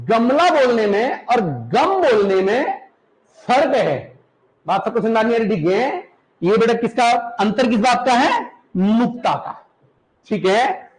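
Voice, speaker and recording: A high-pitched man from the Uttarakhand hills teaches a class, pacing his words slowly and repeating them so students can copy. He keeps checking their understanding, though the audio quality is poor.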